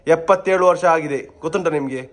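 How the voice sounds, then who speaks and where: Teasing young man. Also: a little high. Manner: teasing, rapid questioning, laughing. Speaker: vlogger interviewing family members. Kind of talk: playful teasing family vlog chat.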